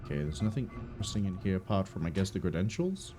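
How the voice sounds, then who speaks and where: A man giving relaxed, rambling playthrough commentary as a gaming video host. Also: deep voice, fast talker. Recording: faint game music behind.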